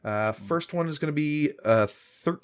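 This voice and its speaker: A man acting as game master, narrating and refereeing a tabletop game in a casual, measured way. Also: fairly high pitch, expressive, clear, resonant tone.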